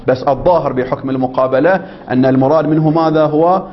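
This fairly high-pitched, fast-speaking man teaches religious law in a seminary, reading out a text and unpacking it while repeatedly prodding his audience with questions to make sure they keep up. The dull lo-fi recording carries a little hiss or hum.

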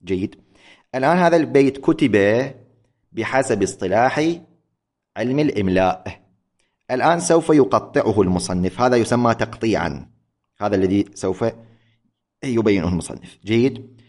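A man giving a lecture on poetic metre, slowly chanting syllables and metre patterns and often correcting himself. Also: on the low side, animated, a little mellow. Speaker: teacher.

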